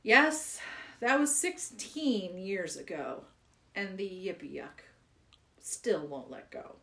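A woman's voice: medium pitch, big pitch swings, slow pace, fairly bright tone. A woman reading children's poems aloud in a playful, giggly way. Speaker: poetry reader.

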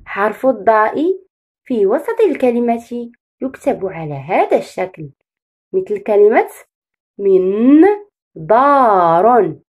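Slow, patient woman teaching small children. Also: a little high, big pitch swings, warm tone, husky. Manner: slow and patient, syllable by syllable, asking children to repeat. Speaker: kindergarten teacher. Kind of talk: online phonics lesson for young children.

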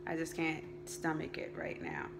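A woman's voice: deep voice, sing-song, moderate pace, roomy sound, over loud music. A woman giving a candid update vlog, hesitant with many fillers and eating while she talks. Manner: eating and chewing while talking. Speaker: vlogger.

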